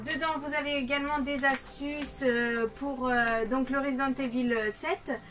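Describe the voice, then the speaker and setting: A woman, chatting casually to camera and explaining things in a halting way. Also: sits high, steady tone, fairly bright tone. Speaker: co-host of a video game collecting vlog. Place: small game-collection room indoors. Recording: distant camera mic, faint music.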